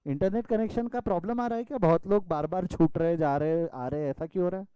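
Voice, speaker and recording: A man's voice: high-pitched, fast talker, smooth, no room sound, dull audio. A male commerce teacher from India giving an online class lecture over a video call, calling students "beta" and scolding them playfully.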